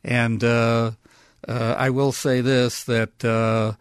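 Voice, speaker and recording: Halting older male author, dry studio sound. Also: mid-range voice, level tone, smooth, dry recording. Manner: halting, full of fillers and restarts, emphatic at points. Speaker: author guest. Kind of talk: radio interview. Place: radio studio.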